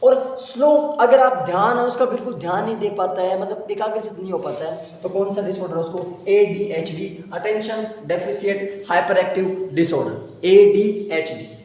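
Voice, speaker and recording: High-voiced male teacher in an echoey room. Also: a little fast, hardly any pauses, darkish tone, distant mic. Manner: repetitive, asks the class questions and answers them. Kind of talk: classroom lecture on psychology.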